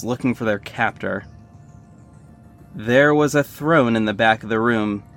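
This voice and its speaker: A man with a natural, mid-range voice plays a wry young superhero describing his own mission in scripted first-person narration. The tone is descriptive and wry, with a music bed underneath.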